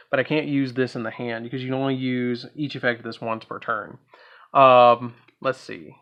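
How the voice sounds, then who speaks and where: A man talks viewers through testing a card game deck, thinking aloud as he plays. His voice sits in a middle pitch, with ums and half-finished lines along the way. The recording is a bit dull and lo-fi. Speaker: card game content creator. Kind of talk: casual gameplay walkthrough.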